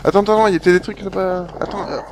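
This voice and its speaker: A man with a slightly high voice talks over his game in a casual, excitable way, chattering and yelping as things happen. Clear game noise runs behind him. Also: very fast. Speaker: gaming YouTuber.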